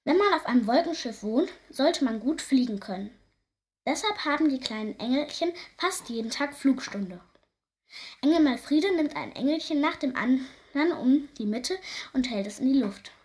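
Lively woman reading a kids' story. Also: high-pitched, normal speed. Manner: lively, expressive.

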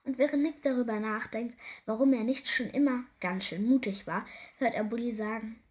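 A woman reading a children's story aloud, gentle and expressive, sometimes dropping to a soft whisper. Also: a little high, moderate pace.

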